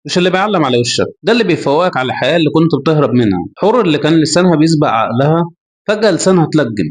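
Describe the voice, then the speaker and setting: An Egyptian man narrates a dramatic tale at a rapid clip, his voice sitting a bit high for a man. He tells it briskly and with flair. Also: animated. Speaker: storyteller.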